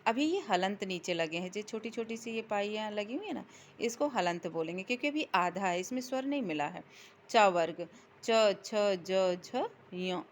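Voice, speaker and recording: In this classroom explanation, a female teacher speaks at a medium pitch with an animated delivery over faint background noise. Reading letter examples, she stretches the words out slowly, and she answers the questions she puts to the class.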